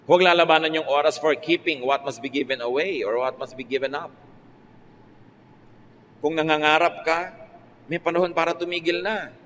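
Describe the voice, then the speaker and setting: A Filipino pastor delivers a sermon in conversational style, mixing Tagalog and English with playful, joking asides. His somewhat high, fairly bright voice moves at normal speed with frequent pauses, echoing with long reverb in a large hall over a faint ambient hum.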